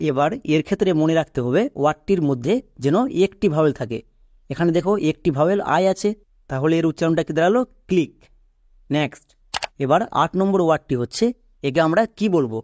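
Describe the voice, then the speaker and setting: A man's voice: on the high side, fast talker, a little mellow, no room sound. A man, teaching English pronunciation step by step, asking himself a question and then answering it. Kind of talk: step-by-step spoken lesson.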